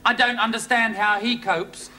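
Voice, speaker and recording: Fussy muddled man, high voice, flustered TV sketch delivery, very noisy old studio recording. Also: steady tone, normal speed. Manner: hesitant, flustered. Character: fussy, muddled male comic reading out notes. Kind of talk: TV sketch comedy acting. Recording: old TV studio, loud noise.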